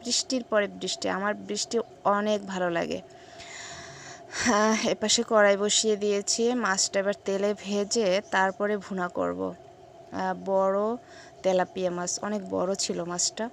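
A woman vlogging casually from her home kitchen, speaking softly and slowly because of a sore, hoarse throat. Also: mid-range voice, level tone, slight background noise. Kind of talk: casual vlog narration.

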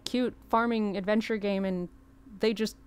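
A woman's voice: medium pitch, fairly even intonation, normal speed. A woman chatting casually and expressively as she comments on a game she is streaming live. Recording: music behind the voice. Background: game music.

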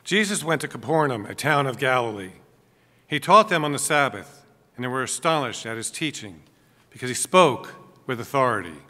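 A man reading the Gospel aloud at a Mass in a large church, with a measured, proclaiming delivery and a cathedral echo. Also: mid-range voice, very animated, sharp tone. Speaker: Gospel reader at a school Mass. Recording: long church reverb.

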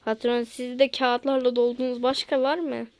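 A woman's voice: on the high side, little pitch movement, moderate pace, darkish tone, no room sound. A woman playing a put-upon office worker in a comedy sketch, complaining in a whiny, dramatic way. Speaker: vlogger acting out an office skit.

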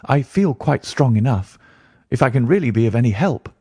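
A man's voice: mid-range voice, animated, normal speed, dark tone, slightly rough, no echo, clean studio sound, voice pushed up. A man voicing a weak, eager young male client who is recovering from illness, speaking politely.

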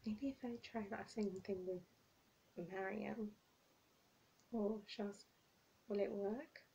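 A woman's voice: medium pitch, fairly even intonation, takes it slowly, creaky, warm tone, slight background noise, rough recording. A young woman chatting casually in a vlog, self-mocking and flustered. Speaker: vlogger.

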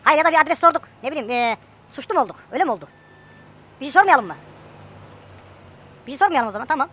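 A woman's voice: high voice, animated, quick pace, fairly bright tone. A woman chatting casually and joking with a friend while playing a farming game. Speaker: gameplay streamer.

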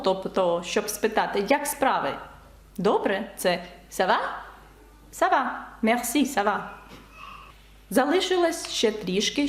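A woman teaching French in an online lesson, patiently explaining spelling and repeating example words slowly. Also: mid-range voice, roomy sound.

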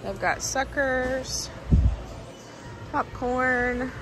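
Speaking extremely slowly in a high voice, a Southern US woman vlogs about shopping, casually remarking on products and prices. She gushes in an informal way, and there's background noise behind her.

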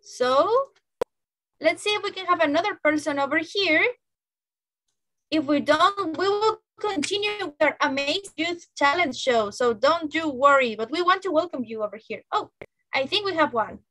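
A woman's voice: high voice, animated, moderate pace, sharp tone. A young woman hosting an online youth show over a video call, upbeat and encouraging as she welcomes guests. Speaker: show host.

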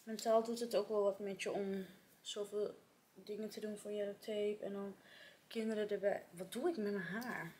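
A woman's voice: medium pitch, steady tone, moderate pace, darkish tone. A young woman vlogs casually from her office, talking in a chatty way with plenty of fillers. She sometimes drops to a near whisper. A faint hiss sits behind her voice. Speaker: vlogger. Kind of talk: casual vlog chat and storytime.

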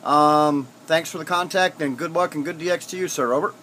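A man with a slightly high voice makes a casual ham radio contact. He pauses and repeats phrases for clarity, with faint noise around him in an indoor radio room. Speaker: amateur radio operator. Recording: faint room noise, amateur camera audio.

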